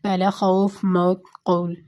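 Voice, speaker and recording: A woman tutor patiently explaining a tajweed lesson, often checking in with "okay", slowing down to recite verses. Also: on the low side, flat delivery, darkish tone. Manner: patient, repeats "theek hai" often; slows down to recite Quranic verses.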